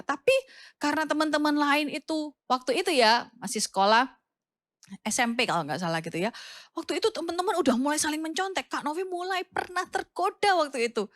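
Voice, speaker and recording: Youth preacher, woman, young adult, East Javanese accent; high voice, close and dry, animated storyteller who acts out the voices. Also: dry recording. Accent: Indonesian, East Javanese. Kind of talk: children's sermon with personal story.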